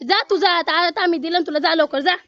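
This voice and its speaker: Very high-voiced woman in a family skit. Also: fast talker, fairly bright tone, no room sound, muffled recording. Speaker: sister-in-law in a family skit.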